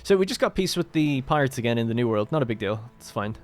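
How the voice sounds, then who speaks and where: A man's voice: medium pitch, animated, fast talker, soft background music. Casual man narrating his strategy game. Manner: casual, thinking aloud while playing. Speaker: let's play host. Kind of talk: gameplay commentary.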